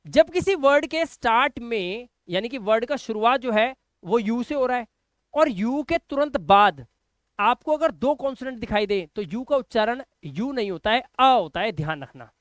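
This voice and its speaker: Clear, dry-voiced English pronunciation teacher. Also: mid-range voice, lively intonation, normal speed, no echo. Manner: explains rules step by step, asking and answering its own questions; addresses the learner fondly as a child. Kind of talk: online video lesson in Hindi.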